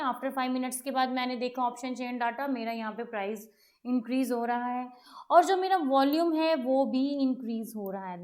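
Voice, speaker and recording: A woman giving a patient screen-share lesson to beginners, often repeating points and checking that everyone understands. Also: fairly high pitch. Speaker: trading educator.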